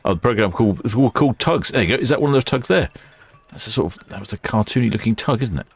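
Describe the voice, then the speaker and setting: A man's voice: fairly low pitch, lively intonation, racing, slightly rough. A man hosting a casual live ship-spotting stream, chatting and musing as he watches. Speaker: livestream host.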